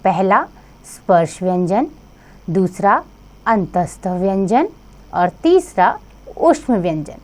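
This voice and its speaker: A woman teaching a grammar lesson to children, addressing them directly and sounding out each letter slowly. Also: mid-range voice, animated, darkish tone.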